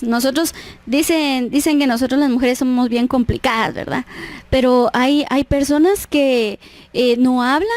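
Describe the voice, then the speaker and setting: High-voiced woman preaching. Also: darkish tone. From Guatemala. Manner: earnest, tags phrases with "¿verdad?". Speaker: church speaker. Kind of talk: women's devotional talk.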